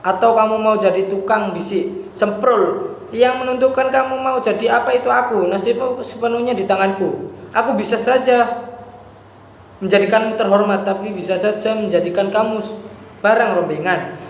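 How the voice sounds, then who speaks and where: A man's voice: high-pitched, normal speed. A man voicing Siwi, a jailed man who scolds and pleads with a tin plate, in a story reading. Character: Siwi, a jailed man, scornful yet lonely. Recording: echoey room with faint noise.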